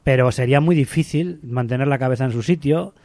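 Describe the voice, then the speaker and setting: Brief Man, radio music host, quick rambling chat, dry close sound. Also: mid-range voice, warm tone, no room sound. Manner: rambling, thinks aloud, hedging. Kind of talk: casual chat.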